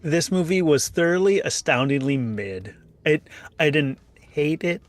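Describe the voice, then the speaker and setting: A man on a podcast panel giving deadpan verdicts in casual chat. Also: fairly high pitch, unhurried.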